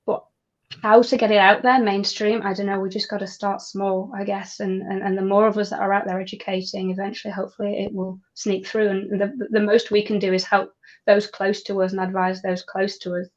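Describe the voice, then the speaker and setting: A woman's voice: mid-range voice, flat delivery, brisk, dull audio. A woman, a pilot and nutrition coach, talking enthusiastically as an interview guest with frequent restarts. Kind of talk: conversational interview.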